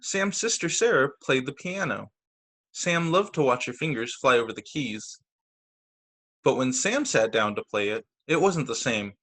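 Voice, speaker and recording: Over a video call, a man reads picture books to children as a teacher, using a medium-pitched voice at a moderate pace. His reading is expressive: he acts out quoted lines and adds casual comments about the pictures.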